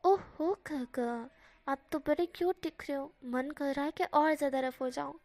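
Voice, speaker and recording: A teasing, possessive young man, put on by a woman in a read-aloud fan story. His tone is rough and high-pitched, pushing and mocking. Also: normal speed, darkish tone.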